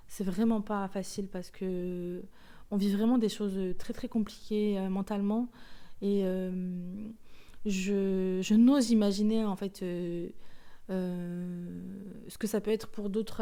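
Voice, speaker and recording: A woman with a Marseille French accent hosts a personal podcast monologue, her medium-pitched voice mellow. She comes across as outspoken and indignant yet hesitant, with many fillers and restarts.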